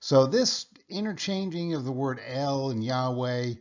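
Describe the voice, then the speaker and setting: Halting, muffled male Bible teacher. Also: medium pitch, expressive. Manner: halting, with frequent "uh" and restarts; explanatory, checks in with "okay?". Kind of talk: casual Bible study lecture.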